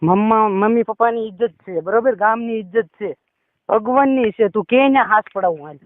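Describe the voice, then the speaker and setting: A man with a high-sitting voice talks a little fast on a private phone call, heard through a tinny phone line. As the caller, he's pushy and insistent, often ending sentences with a tag question and repeating "બરોબર?".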